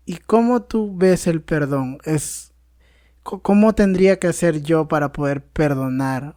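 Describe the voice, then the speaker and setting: A man's voice: fairly high pitch, warm tone. A man with a Peruvian Spanish accent hosting a podcast, asking reflective questions with hesitant restarts. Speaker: podcast host. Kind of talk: casual interview chat.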